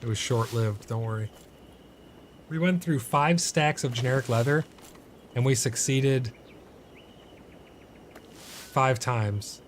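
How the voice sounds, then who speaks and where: A man's voice: mid-range voice, slow, pauses often, a little hiss or hum. A man giving casual gameplay commentary, often exasperated and swearing at his bad luck while crafting. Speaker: gameplay streamer.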